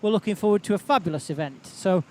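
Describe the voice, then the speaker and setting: A man's voice: high-pitched, fast talker, dark tone. A man working as a tractor pull announcer, giving live, chatty, rambling commentary outdoors. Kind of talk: live unscripted event commentary. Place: outdoors at a tractor pulling event.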